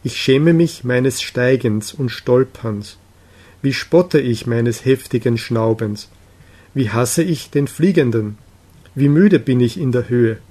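A weary, despairing young man pouring out his troubles, as a man reads him aloud. His delivery is earnest and pleading, and he speaks slowly. The audiobook reading keeps a middle pitch. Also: dark tone.

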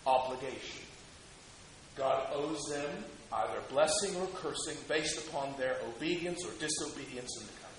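A man preaching a sermon as pastor, emphatic, swinging between loud stresses and quiet asides. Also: mid-range voice, moderate pace, reverberant, slight background noise, rough recording.

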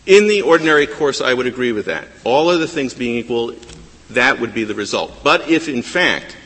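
A man arguing a case before a high court, insistent and argumentative, often stumbling and repeating words. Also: expressive, moderate pace, fairly bright tone, husky. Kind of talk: appellate oral argument. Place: large courtroom. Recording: courtroom with long reverb.

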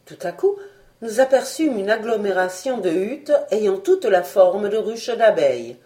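A woman reading an adventure novel aloud with expressive, deliberate storytelling. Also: mid-range voice. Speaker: narrator.

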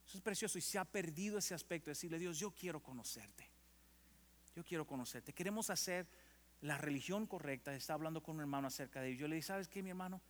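A man, a pastor, preaching a sermon. He talks conversationally and checks in with the congregation, then gets loud and animated when he quotes scripture. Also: on the high side, fast talker. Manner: conversational, asks the congregation if they are with him. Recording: long hall reverb.

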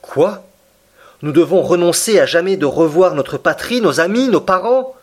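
Indignant captive professor, higher-pitched, urgent and earnest, as a man reads him. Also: expressive, moderate pace, close to an everyday voice. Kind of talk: audiobook reading.

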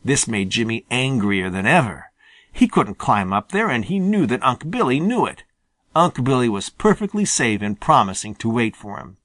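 Male audiobook narrator, storybook reading, animated pitch, dry close sound. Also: moderate pace, dry recording. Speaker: audiobook reader.

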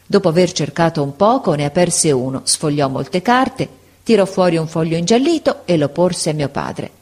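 A woman narrating a classic novel as an audiobook, reading in a measured, unhurried way. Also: on the low side, animated, a little mellow.

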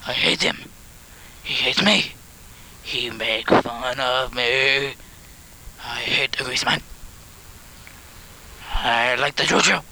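On a poor-quality home tape with slight background noise, a man improvises a comedy skit as a blustering Soviet villain who boasts about blowing things up. He uses a full character voice in broken, put-on Russian-style English, rambling and giggling in a boastful mood. His mid-range voice moves slowly, with vocal fry, frequent pauses and a sharp tone.

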